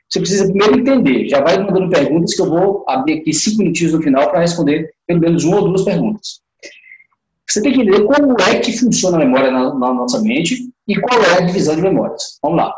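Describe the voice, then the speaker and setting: A man's voice: on the high side, darkish tone, reverberant, rough recording. A man giving a casual live lesson, talking straight to his viewers with lots of fillers. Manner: chatty, talks straight to viewers with many fillers. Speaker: teacher on a live class.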